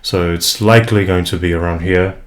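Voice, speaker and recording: In his casual first vlog introduction, a young English tutor from Brazil, a native Portuguese speaker, talks hesitantly and thoughtfully, full of fillers and restarts. His voice is very low with a steady tone, captured by an unprocessed USB mic on his home desk.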